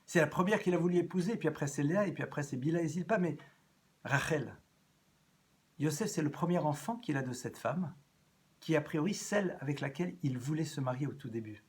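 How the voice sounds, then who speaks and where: Animated man lecturing as a rabbi. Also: fairly high pitch, fairly quick. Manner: animated, with sudden loud rises and soft drops; repeats and restarts phrases as he talks. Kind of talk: evening lecture to an audience.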